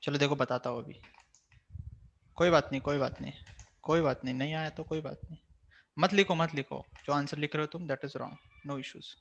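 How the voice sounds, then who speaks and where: A man's voice: fairly high pitch, steady tone, normal speed, creaky, a bit bright, muffled recording. A man with an Indian accent teaching a maths class online, mixing Hindi and English, firm but reassuring with his students.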